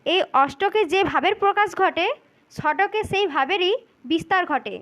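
A woman's voice: very high voice, moderate pace, a bit bright. A woman giving a spoken lesson for teaching-exam interview preparation, methodical and repeating key points as she speaks directly to the listener.

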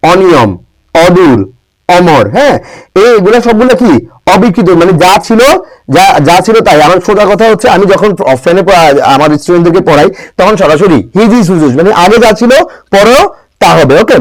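A young man from Bangladesh teaching an exam-prep grammar lesson, drilling pronunciation with constant rhetorical questions and repeating words slowly for emphasis. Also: sits high, animated, dry recording, rough recording.

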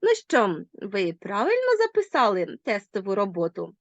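A woman with a Ukrainian accent teaches a recorded school lesson, quizzing her pupils directly as she goes in a lively manner. Her mid-range voice moves at a moderate pace, with no room sound and the high frequencies cut off.

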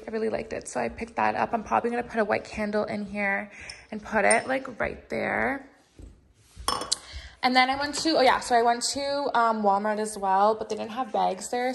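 A young woman in her twenties, a vlogger, chats casually with her viewers from her kitchen, upbeat and full of filler words, filmed on a phone. Her voice is on the high side and gravelly, with background noise.

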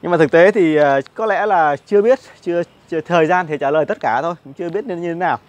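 Man, thirties, casual market commentary, lapel mic, fairly high-pitched, rambling with fillers. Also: quick pace. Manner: chatty, many fillers and repeated words. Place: outdoor cafe patio with plants.

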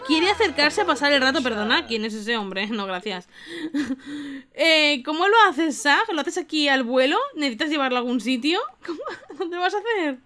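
Animated, bright-voiced Spanish woman gamer. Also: sits high, normal speed, faint music behind. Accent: Spain Spanish. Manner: expressive, exclamatory, laughs often. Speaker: gaming youtuber. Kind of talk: casual let's play commentary.

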